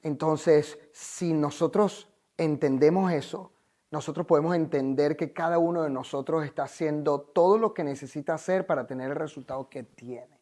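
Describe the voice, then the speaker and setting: A man's voice: a little high, moderate pace, darkish tone. A Venezuelan man, a life coach, telling his story in an interview in an earnest, emphatic, motivational way.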